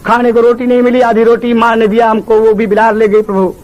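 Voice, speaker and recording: Guy doing a poor village kid in a folk tale, bhojpuri accent, begging softly, high voice. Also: monotone, a little fast, muffled recording. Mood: pleading. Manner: earnest, humble, plain spoken pleading. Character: poor young village boy pleading with a holy man.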